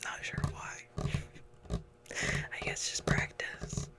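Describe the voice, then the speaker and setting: A woman ASMR creator whispers softly and breathily, rambling in a casual, halting way while gently poking fun at herself.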